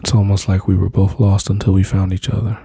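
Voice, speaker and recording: A man speaking slowly and intimately into a close mic, soothing and reassuring, often dropping to a whisper. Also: sits low, monotone, dark tone, husky, no echo. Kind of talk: soft-spoken ASMR comfort roleplay.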